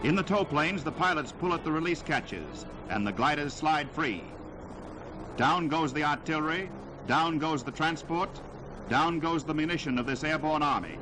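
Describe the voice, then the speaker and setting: A man's voice: a little high, moderate pace, background noise. A man narrating a 1940s wartime newsreel in a dramatic, declamatory delivery, heard on an old newsreel soundtrack. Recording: loud music score underneath.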